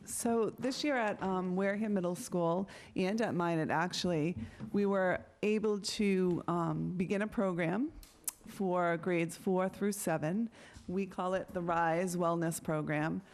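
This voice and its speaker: A woman's voice: lowish voice, fairly even intonation, unhurried, darkish tone. Hesitant woman presenting at a meeting. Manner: hesitant, with frequent ums. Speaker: school program presenter.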